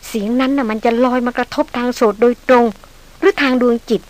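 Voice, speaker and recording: A woman reading the lines of a young man who talks calmly and politely, reasoning things through. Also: on the high side, a little fast, close to an everyday voice. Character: young man, a composed hunter, polite to his lady. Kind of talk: audiobook character reading.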